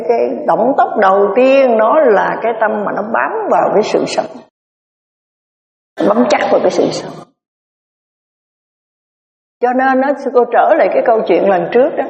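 A Buddhist nun, giving a storytelling dharma talk in a conversational, winding way with many filler words. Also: female voice, fairly high pitch, vocal fry, a little mellow. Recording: echoey hall, distant mic, dull lo-fi sound.

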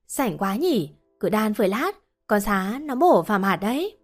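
A woman's voice: medium pitch, very animated, normal speed. A woman voicing a blunt, scolding but caring old village woman, over faint music.

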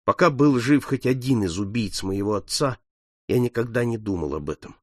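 A man with a mid-range, everyday-sounding voice speaks at normal speed with lively intonation, voicing a mournful boy soldier who is doomed. The audio is clean studio sound with no room noise.

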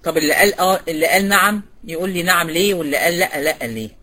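In an online recitation class, a woman with an Egyptian Arabic accent quizzes her students by name and repeats the key points. She talks at a racing speed in a fairly low, sharp-toned voice.

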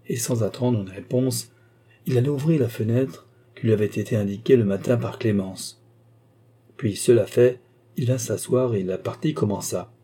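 A man reading a classic novel aloud as an audiobook narrator, in measured, even storytelling. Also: medium pitch, slightly rough. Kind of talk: scripted narration.

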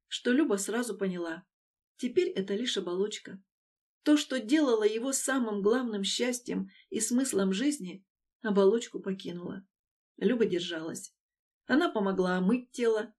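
A woman reading a novel aloud as audiobook narration, measured and emotive in her storytelling. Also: mid-range voice, a little mellow. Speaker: audiobook reader.

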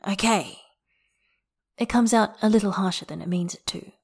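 A woman narrating a work of fiction aloud in a measured, even reading voice. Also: mid-range voice, creaky, breathy edge.

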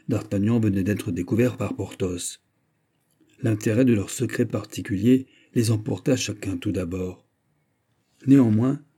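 Male audiobook narrator, measured reading, low husky voice, very dark tone. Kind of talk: scripted narration of a classic novel.

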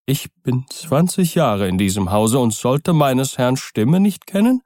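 A man's voice: mid-range voice, sing-song, a little slow, darkish tone, no room sound, clean studio sound, pitched above the performer's own voice. A man voicing an old male butler, frightened and agitated, pleading with rising urgency. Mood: agitated, fearful.

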